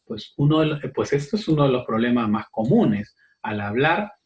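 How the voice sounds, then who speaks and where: Male teacher, mid-pitch, talks through a class lesson with fillers and tag questions. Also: animated, normal speed, a little mellow. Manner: repeats phrases while explaining. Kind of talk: recorded class explanation.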